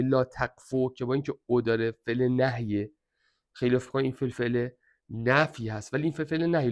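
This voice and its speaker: A man's voice: medium pitch, vocal fry. A man with an Iranian Persian accent teaching an exam review lesson, emphatically repeating which points are very important.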